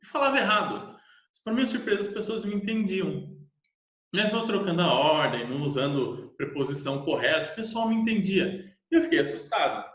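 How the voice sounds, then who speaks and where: A young Brazilian man, an English teacher, telling a lively self-mocking personal story in casual Portuguese. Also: sits high, a little fast. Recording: echoey room.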